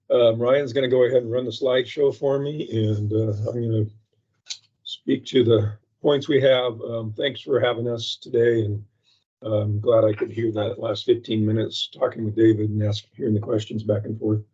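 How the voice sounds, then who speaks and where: A man presenting a slide update at a public meeting over a patchy remote microphone that sounds muffled, as if heard through a wall, speaking in halting bursts with many fillers. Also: medium pitch, level tone, dark tone, husky. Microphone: remote call microphone with a patchy connection. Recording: muffled, dull remote call audio.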